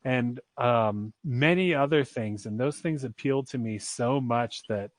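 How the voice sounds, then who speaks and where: A male podcast host with an average-pitched voice talks off the cuff. His delivery is casual and conversational, peppered with slang. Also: measured pace, no room sound. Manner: informal, slangy. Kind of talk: casual chat.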